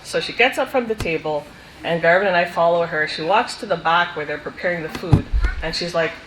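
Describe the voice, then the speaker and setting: A woman giving a fond, soft-spoken funeral eulogy for a family member, sharing stories with light laughter. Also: fairly low pitch, a little fast, background noise. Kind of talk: funeral speech with anecdotes. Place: funeral hall. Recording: echoey hall with faint ambience.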